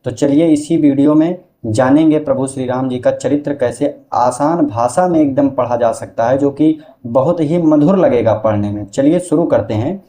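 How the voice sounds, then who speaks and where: A man explaining step by step how to recite devotional verses in a casual teaching style, breaking into slow melodic chanting. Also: medium pitch, mellow.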